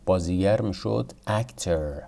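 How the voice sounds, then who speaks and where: A man whose first language is Persian gives a casual English lesson. His voice sits fairly low with a gravelly, creaky edge. He rattles through his explanations, then slows right down to say each English example with care. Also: mellow. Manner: reads English example sentences slowly and carefully, then explains quickly. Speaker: English teacher.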